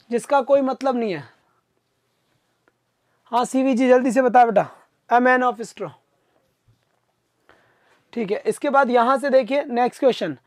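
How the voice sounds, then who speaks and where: A man teaching an exam-prep vocabulary class live online, coaxing his students to answer quickly and replying to their comments. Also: very high voice, dry recording, studio quality. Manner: reads out viewer comments and answers them.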